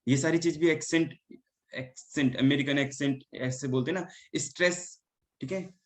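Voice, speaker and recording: A man's voice: a little high, moderate pace. A male teacher giving an online class lecture, mixing Hindi and English and often checking in with the students. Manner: mixes Hindi and English, keeps asking "ठीक है?". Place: indoor room.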